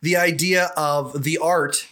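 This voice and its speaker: Earnest, slightly high-voiced male podcast host. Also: fairly even intonation, slow pace, bright, forceful tone. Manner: earnest, repeats words while building questions. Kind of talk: casual podcast interview.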